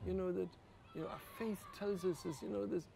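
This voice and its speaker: An older Irish priest with a deeply gravelly, fry-laden voice tells personal stories in an interview. He speaks earnestly and quietly, with a faint hiss of room noise behind him. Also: a little fast. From Ireland. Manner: earnest, quietly emotional, rises to lively laughter. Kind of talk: reflective personal storytelling in an interview.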